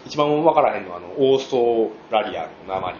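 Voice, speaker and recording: A man with a Kansai accent co-hosting a casual podcast chat, telling stories quickly and laughing often. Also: on the low side, slight background noise. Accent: Kansai Japanese. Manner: animated, quick storytelling with frequent laughs. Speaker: podcast co-host. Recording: roomy, slightly dull home podcast audio.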